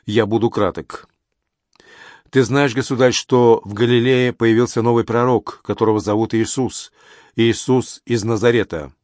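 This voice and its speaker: A man's voice: mid-range voice, steady tone, moderate pace, a little mellow, no room sound, clean studio sound, natural voice. A man voicing a fanatical, humble Essene preacher who pleads and insists with fervor. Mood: humble pleading. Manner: pleading, rising to ecstatic insistence. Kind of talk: audiobook character reading.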